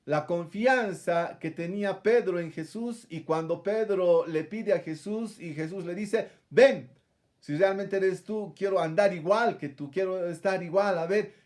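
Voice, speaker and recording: A man delivers a sermon in a noticeably high voice. He retells a scripture passage, addresses his listeners as brother again and again, and leans on rhetorical questions to press his point. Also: darkish tone. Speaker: preacher.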